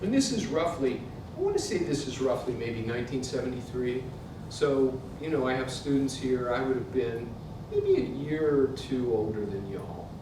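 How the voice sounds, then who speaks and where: This Pittsburgh-born author in his sixties has an American accent and reads from his book in a sing-song voice at a moderate pace. The live literary reading takes place in an indoor museum event space, recorded on a distant mic in a very echoey hall, with a noisy rumble underneath.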